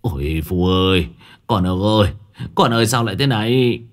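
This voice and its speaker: A man's voice: fairly low pitch, animated, normal speed, natural voice. A man voicing a desperate middle-aged father who cries out for his lost son in a ghost story. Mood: anguished. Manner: desperate crying out.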